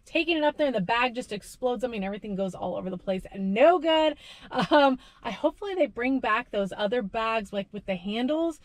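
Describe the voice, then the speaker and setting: Her voice fairly high and her intonation lively, a woman in her thirties talks a little fast with no echo. She's a delivery driver vlogging casually from her parked car, using her hands as she speaks to the dashboard camera.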